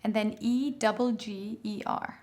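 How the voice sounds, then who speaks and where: Young woman, easygoing and friendly, mid-pitch voice, chatting in an interview. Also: fairly even intonation, measured pace, darkish tone. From Germany. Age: young adult. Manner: easygoing, friendly, laughs often. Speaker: model, guest. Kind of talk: casual interview answers.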